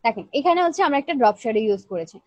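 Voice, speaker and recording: A woman leads a live online design class, walking through each step and checking in with her students. She talks quickly in a high voice, kept soft because she feels weak today. The audio is dry and a little dull, like a low-fi online class. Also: very animated, no room sound. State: feeling weak, speaking softly. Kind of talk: live screen-share tutorial.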